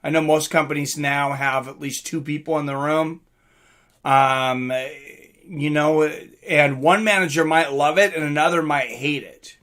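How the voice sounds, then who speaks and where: With a fairly high, fairly bright voice and no rush in his delivery, a middle-aged streamer rambles through fight commentary, chatting with his audience and replying to comments he reads from the chat.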